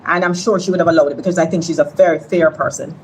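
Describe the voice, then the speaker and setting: A woman giving a parliamentary speech, slow and deliberate, lecturing a fellow member. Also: low-pitched, steady tone, a little hiss or hum, rough recording.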